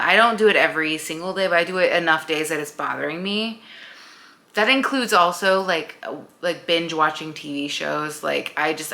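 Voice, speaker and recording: A woman's voice: low voice, gravelly, sharp tone. A woman in her late thirties, chatting casually at home as a vlogger, rambling with many fillers. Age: late 30s. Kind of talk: casual chat.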